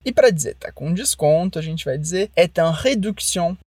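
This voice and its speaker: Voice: mid-range voice, lively intonation, darkish tone, husky, dry recording. Patient teacher, dry sound. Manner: slow, careful modeling of phrases for repetition. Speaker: French teacher. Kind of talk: online language lesson.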